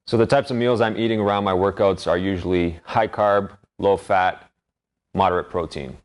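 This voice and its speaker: A man talking through his training in an explanatory vlog monologue. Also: deep voice. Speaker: vlogger documenting 10k race training.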